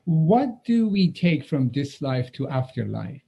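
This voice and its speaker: A man's voice: on the high side, big pitch swings, unhurried, gravelly, husky, dull audio. A man from the audience asking questions hesitantly, searching for his words. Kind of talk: live question and answer.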